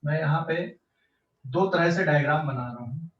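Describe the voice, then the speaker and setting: Pitched on the high side and moving at a moderate pace, this man walks students through physics one step at a time in an online class, pausing often to see if they're keeping up. He speaks Hindi-English mixed speech with a central Indian accent, captured in echoey, distant, lo-fi audio.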